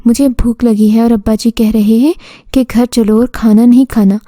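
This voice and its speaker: A woman's voice: a little high, fairly even intonation, moderate pace, mellow, no room sound, close to an everyday voice. A woman voicing a greedy, defiant little girl in a storybook tale, reading her lines in an insistent, demanding way.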